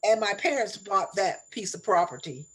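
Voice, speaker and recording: An elderly woman in her seventies shares memories as an interview guest. Her voice is husky and mid-pitched, and she speaks reflectively and deliberately, circling back on phrases to stress them. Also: expressive, fairly bright tone. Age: 70s. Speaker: interview guest, elder sharing life stories. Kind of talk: reminiscing storytelling in conversation.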